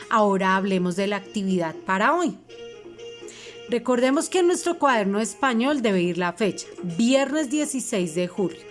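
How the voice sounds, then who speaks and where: A woman teacher, giving a recorded lesson to fifth graders and patiently spelling out each instruction. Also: mid-range voice. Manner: patient, reminding, spells things out for children.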